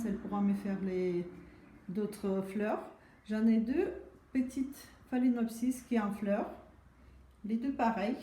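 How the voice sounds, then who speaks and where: A woman who is not a native French speaker gives a casual tour of her houseplants on her home veranda, pausing often with fillers. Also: medium pitch, mellow, slight background noise. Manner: hesitant, many filler pauses. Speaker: plant vlogger. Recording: roomy echo.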